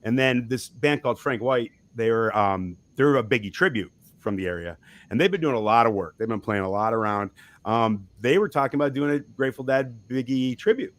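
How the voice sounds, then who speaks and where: In casual interview talk about his band, a musician guest rambles, chuckles and keeps restarting his sentences. His voice is mid-range, animated, fairly quick and fairly bright.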